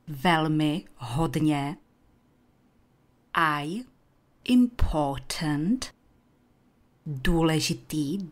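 Low-voiced woman teaching English slowly. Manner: slow, deliberate enunciation of words to repeat. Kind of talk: language lesson with repetition drills.

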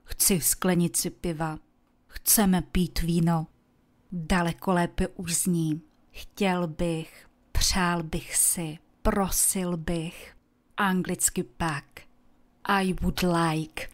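A woman teaches English vocabulary in a calm, scripted lesson, and her voice sits a little low. She speaks in Czech and pronounces each English word slowly and deliberately, so her listeners can copy it. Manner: slow, careful demonstration of pronunciation.

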